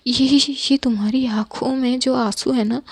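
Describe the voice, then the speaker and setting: A woman's voice: high voice, steady tone, unhurried, slightly rough, full character voice. A woman voicing a guilt-ridden young woman in a storybook romance, stammering and breaking off her words through tears. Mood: pleading.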